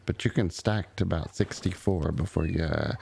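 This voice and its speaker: A man in character in a roleplay game, talking slowly and haltingly with many ums. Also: sits low, fairly even intonation, vocal fry, a little mellow, a little hiss or hum. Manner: halting, full of uh and um. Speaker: roleplay streamer playing an old relative.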